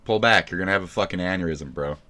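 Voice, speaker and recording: A man streaming live, ranting in profane, mocking commentary that keeps jumping into loud shouts. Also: low voice, fast talker.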